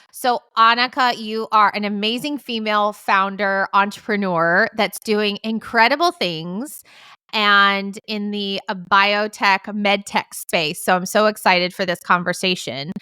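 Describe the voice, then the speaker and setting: A woman's voice: medium pitch, measured pace, sharp tone, clear, resonant tone, no echo, clean studio sound. A woman hosting a podcast, introducing her guest and interviewing with effusive, enthusiastic praise. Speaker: podcast host.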